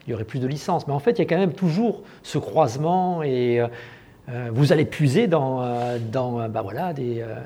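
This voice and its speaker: A man's voice: medium pitch, normal speed, mellow, breathy edge. A man interviewing an author, asking hesitant questions full of fillers. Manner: hesitant, many "euh"s.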